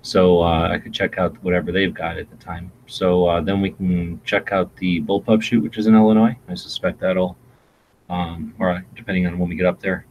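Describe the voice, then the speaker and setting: A man's voice: low voice, dull audio, a little hiss or hum. A man hosting a casual live-stream chat, rambling along with many fillers and restarts. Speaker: gun channel host. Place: home in Arizona.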